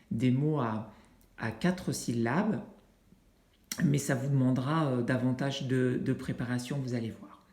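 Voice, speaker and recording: A teacher walks parents through a learning game for young children, taking their time and pausing often with fillers. The voice is mellow and unhurried. The room around it is roomy and echoey, as if it were recorded indoors on a simple setup. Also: mid-range voice. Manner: unhurried, with frequent hesitations and fillers; demonstrates with objects while talking. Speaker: teacher explaining an activity to parents. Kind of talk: instructional video for families.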